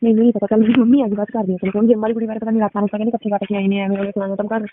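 A woman in a heated phone argument, rapidly accusing and retelling what others told her. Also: medium pitch, flat delivery. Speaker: caller. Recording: tinny phone call recording, faint hiss.

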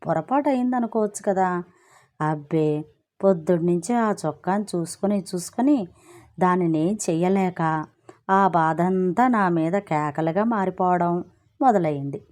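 A woman's voice: lowish voice, lively intonation, a little slow, pauses often, dark tone. A woman reading a story and voicing a chatty married woman who complains breezily and justifies herself. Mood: complaining. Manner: breezy, gossipy, self-justifying.

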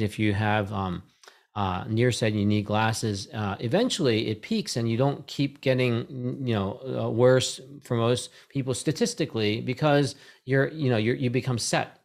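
A man's voice: mid-range voice, moderate pace. A middle-aged man speaks into a desk microphone at home, chatting on a video call. His talk rambles, circling back with restarts and checking in with little "right?" tags as he builds a point. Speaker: host. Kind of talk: casual video call conversation. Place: home room with bookshelves. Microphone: desk microphone on boom arm.

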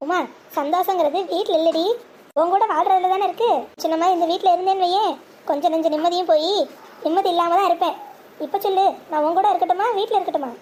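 A man's voice: extremely high pitch, fairly even intonation, fast, a little mellow, slight background noise. A performer voicing a stubborn young husband who stands by his wife, speaking firmly in a scripted family drama. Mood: determined. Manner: firm, defiant.

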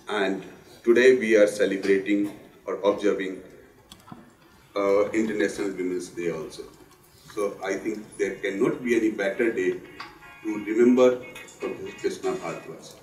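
A man with a husky voice, hoarse from a sore throat and flu, giving a formal memorial lecture in a measured, earnest way. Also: fairly low pitch, far from the mic. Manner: measured, earnest, with pauses and restarts. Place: lecture hall. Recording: roomy hall sound, speaker off the mic.

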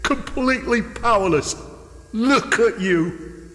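A man voicing the Doctor, taunting and shouting at a captive enemy. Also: sits high, expressive, takes it slowly, in a large hall, voice pushed up, heavily acted. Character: the Doctor, a man, fierce and defiant.

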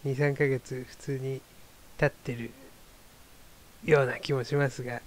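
A man's voice: medium pitch, level tone, measured pace. A man hosting his own talk show, musing in a wry, rambling, self-deprecating casual monologue. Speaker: solo talk show host.

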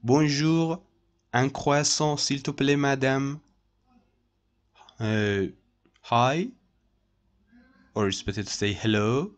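A man's voice: mid-range voice, slow, pauses often. A man teaching French over a screen recording, repeating each phrase and translating it. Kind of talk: screen-share language lesson.

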